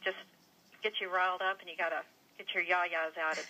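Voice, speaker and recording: A woman's voice: fairly low pitch, steady tone, fairly quick, pushed and bright, slight background noise. A woman from Kentucky chatting with wry, folksy humor as a radio interview guest over a phone line. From United States, Kentucky.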